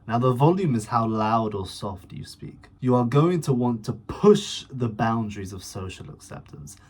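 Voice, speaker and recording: A man's voice: medium pitch, a little mellow, slightly rough. A young man giving blunt, emphatic self-improvement advice to camera and swearing casually. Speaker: self-improvement video host. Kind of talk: motivational talk to camera.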